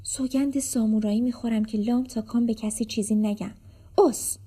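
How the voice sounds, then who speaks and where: A woman voicing an excitable, mischievous young boy sidekick in a storybook reading, eager and dramatic as he plays at being a warrior. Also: a little high, slightly rough. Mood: solemn vow.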